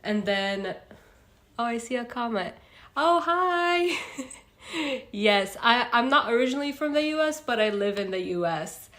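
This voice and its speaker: A young Egyptian woman with a fairly high, bright, animated voice hosts a relaxed self-help livestream at a measured pace. She talks loosely with many fillers and pauses to respond to viewer comments, all in a roomy, echoing space.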